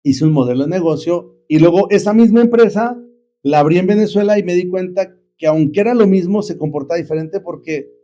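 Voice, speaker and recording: A man's voice: sits high, a little fast, warm tone, dull audio, slight background noise. A middle-aged man, an entrepreneur guest telling his story in a casual, reflective way, rambling with many fillers and restarts. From Mexico.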